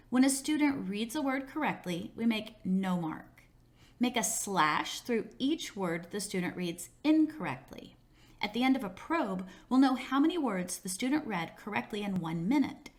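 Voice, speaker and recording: A woman narrating a scripted teacher training lesson, explaining scoring rules step by step in a measured, clear way. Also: mid-range voice. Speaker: instructor in a teacher training video.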